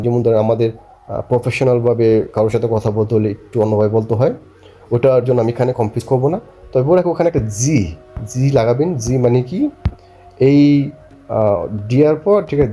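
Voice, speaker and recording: A man teaching a beginner language class, patiently repeating phrases slowly and often checking that learners follow. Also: medium pitch, mellow. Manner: keeps asking if learners follow.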